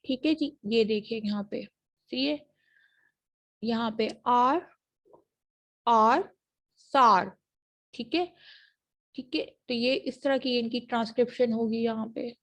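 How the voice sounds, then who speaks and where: A woman gives a university phonetics lesson, moving between Hindi-Urdu and English. Her voice sits fairly high, and she keeps checking in with students as she goes. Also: fairly even intonation, moderate pace, a little mellow. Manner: mixes Hindi-Urdu and English, checks understanding with repeated "ठीक है". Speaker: university lecturer. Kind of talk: online phonetics lecture.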